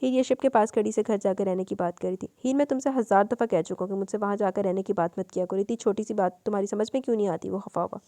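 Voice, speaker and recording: A woman's voice: steady tone, quick pace, few pauses, warm tone, no room sound. A woman reading a romance novel aloud, raising her voice for the lovers' lines. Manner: voices both lovers, lifting pitch and volume for dialogue. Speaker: audiobook narrator.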